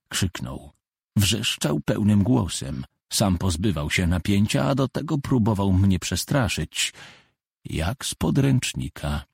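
A man reading a first-person audiobook in a measured, deadpan way. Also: deep voice, gravelly, slightly rough, no echo, clean studio sound.

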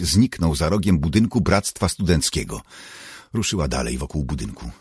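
A man with a very low, husky voice narrates an audiobook from a script, telling the story in a measured, steady way. The sound is close and dry, with no room echo.

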